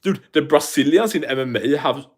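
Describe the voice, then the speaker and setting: A livestream host with a strong foreign accent talks at a normal speed in a voice on the higher side. He responds to viewer comments loosely and profanely, wandering off topic and frequently starting over.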